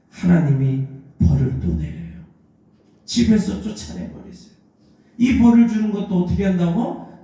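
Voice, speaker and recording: A male pastor with a mellow, somewhat high voice preaches a Sunday sermon in a church sanctuary, telling the story and acting out the lines of its figures. The recording carries the echo of the church hall.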